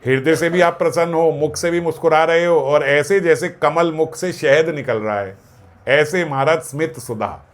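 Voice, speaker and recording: A man giving a devotional discourse, explaining scripture verses, asking his own questions and answering them, and slowing down to chant Sanskrit lines. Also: a little high. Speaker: spiritual discourse speaker.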